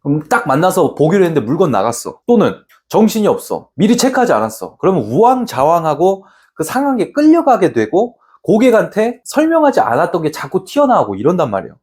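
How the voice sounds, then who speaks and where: A man's voice: high-pitched, wildly swooping pitch, a little fast, hardly any pauses, a little mellow. A man who works as a real estate agent gives an instructional talk to other agents, bluntly and with slang, asking rhetorical questions and answering them himself. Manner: slangy and plain-spoken.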